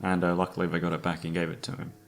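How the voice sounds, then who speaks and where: A young man hosts a casual, rambling personal chat, speaking very fast in a low, monotone voice. He's hesitant, swears freely, and keeps putting himself down.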